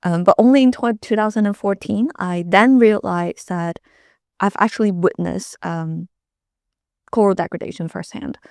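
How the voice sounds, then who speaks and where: A woman in her thirties from Hong Kong, a company founder telling her story in a measured, thoughtful way on a panel. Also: medium pitch, gravelly, a little mellow, no echo, clean studio sound. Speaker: startup founder and CEO. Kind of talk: panel conversation.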